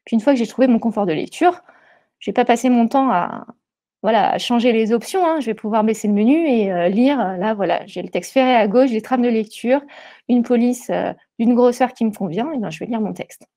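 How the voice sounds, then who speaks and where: Talking fairly quickly in a mellow, slightly high voice, a female webinar presenter walks through a live screen-share demo on an earpiece headset. Her delivery is halting, full of fillers and restarts.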